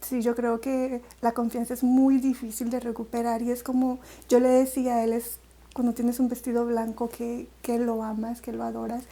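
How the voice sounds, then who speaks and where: This is a Salvadoran woman giving an interview about her own life, with a Salvadoran Spanish accent. Her voice sits high but has a soft, mellow warmth. She speaks reflectively, filling pauses and restarting her sentences. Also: monotone. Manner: reflective, with many fillers and restarts. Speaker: interview guest. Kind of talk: personal story in an interview.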